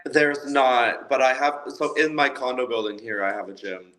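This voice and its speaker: A Canadian man appears as a guest in a casual interview chat, easygoing and laughing lightly now and then. His voice is medium-pitched and sharp-toned, and he speaks at normal speed.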